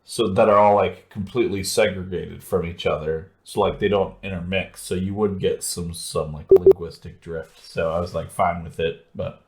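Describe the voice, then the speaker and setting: A man co-hosting a book discussion podcast, chatty and rambling. His voice sits very low, and he keeps circling back through his points in easygoing talk. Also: steady tone, moderate pace, few pauses, a little mellow. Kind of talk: casual chat.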